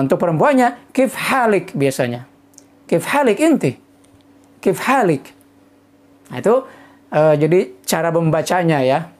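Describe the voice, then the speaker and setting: Relaxed Indonesian man teaching Arabic. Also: fairly high pitch. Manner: relaxed, peppers talk with "nah" and "ya", sounds out example phrases slowly. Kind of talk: casual explanatory lesson.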